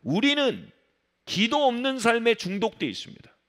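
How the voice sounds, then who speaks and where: A man preaching from the pulpit with a fairly high voice that leaps up and down. He presses his points hard, then sinks low and quiet for emphasis, and now and then slips into the voices of the people he describes. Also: huge pitch swings, moderate pace. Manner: emphatic preaching, drops to low soft tones for stress; acts out quoted voices of resisting people. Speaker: pastor. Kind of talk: sermon. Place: church sanctuary.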